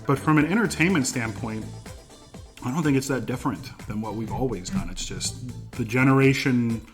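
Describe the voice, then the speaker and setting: A man casually explaining things in a halting way, often checking in with short tag questions. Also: mid-range voice, music in the background. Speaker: teacher answering student questions.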